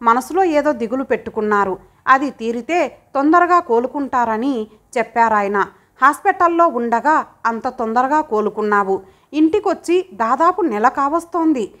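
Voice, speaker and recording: Brief: loving elder son, soft coaxing tone, read by a woman, high voice. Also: lively intonation, normal speed. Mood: tender. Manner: affectionate, coaxing. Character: caring elder son, gentle with mother, stern with brother. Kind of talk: audiobook character voice.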